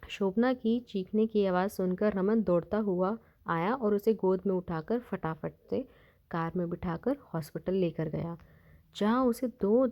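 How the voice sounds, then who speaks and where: A woman narrating a scripted moral family story in an even, steady reading voice. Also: mid-range voice. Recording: dull lo-fi recording.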